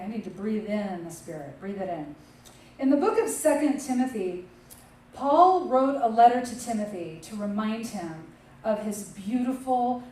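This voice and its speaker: A woman's voice: on the high side, a little mellow, slight background noise. A woman minister giving a sermon in a conversational way, often checking in with "okay" and "right.". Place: church sanctuary. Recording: distant echoey room mic.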